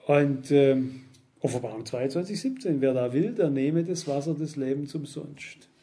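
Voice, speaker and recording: A man's voice: high-pitched, warm tone. A man preaching a sermon, speaking straight to his listeners and citing Bible verses by chapter and number, rising emphatically on his exhortations.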